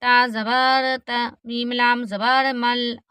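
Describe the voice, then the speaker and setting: A woman teaching Quran reading, spelling each letter with its vowel mark and then blending the word, with quick explanations of the rules between recitations. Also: on the high side, flat delivery, pushed and bright, clean tone, no room sound. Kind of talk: slow letter-by-letter recitation lesson.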